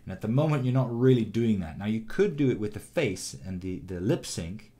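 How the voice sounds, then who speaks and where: A man teaching animation, giving a calm, encouraging critique of a student's shot with frequent ums and restarts. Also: lowish voice, a little fast. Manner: calm, encouraging, many fillers. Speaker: animation instructor. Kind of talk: recorded critique of student work.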